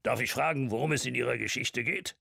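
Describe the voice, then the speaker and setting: A hearty old man in his nineties, portly and brimming with vitality, as a male narrator puts him on. He is pitched well above the reader's own low voice and talks loud, slow and exuberant, with a gravelly edge. The recording is close and dry. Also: no echo, exaggerated voice. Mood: teasing. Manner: booming, jovial, shouting over noise.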